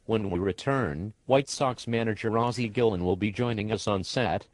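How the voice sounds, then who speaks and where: A man's voice: fairly low pitch, normal speed, no echo, lightly acted. A computer-generated man's voice playing a prim talk show host who speaks formally and keeps apologizing. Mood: exasperated.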